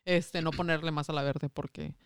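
A woman's voice: low-pitched, fairly even intonation, moderate pace, clean tone, no room sound, clean studio sound. A woman co-hosting a podcast, chatting casually in that slides into English, slangy, swearing and laughing often. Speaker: podcast co-host. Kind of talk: casual podcast chat switching between Spanish and English.

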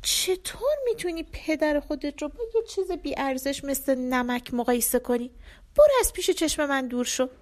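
A woman's voice: high-pitched, expressive, a little mellow, voice pushed up. A woman voicing a stern, hot-tempered old king in a storybook, speaking in a scolding way. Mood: furious.

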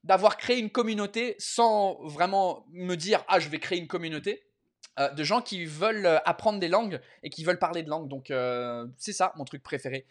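A man chats casually on a live stream, reading out viewer messages and replying. His French is halting, with repeated words and searches for the right term, and he drops into English along the way. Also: sits high. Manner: switches between French and English mid-speech.

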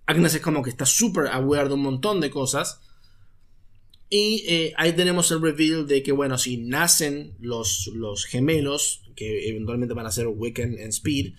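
A man's voice: mid-range voice, measured pace. A man, co-hosting a live stream in casual chat and mixing in English slang. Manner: mixes Spanish with English slang. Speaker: stream co-host.

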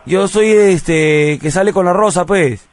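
A man's voice: sits high, measured pace. A man making a prank call in a mock-serious, wheedling way. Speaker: radio prank-call host. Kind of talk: prank-call radio comedy.

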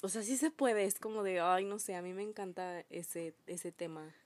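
A woman with a Mexican accent co-hosting a podcast, her voice recorded close and dry with no room sound. She talks in a slangy, animated way, punching her points with emphasis. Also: mid-range voice, moderate pace, dry recording. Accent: Mexican Spanish. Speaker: podcast co-host. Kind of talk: casual chat.

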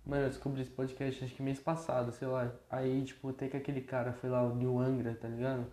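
A man with a Brazilian Portuguese accent chats casually in slang, with little rise or fall in his voice. He sounds mellow, and the recording is echoey with some light noise. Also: medium pitch, flat delivery, fast talker. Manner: slangy, colloquial. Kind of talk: casual chat. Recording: echoey room, faint noise and clicks.

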